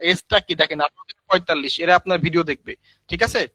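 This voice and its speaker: A man's voice: on the high side, racing, sharp tone, breathy edge, dry recording, rough recording. A man teaching a live screen-share tutorial, chatty, calling viewers brother and using many fillers. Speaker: online course instructor.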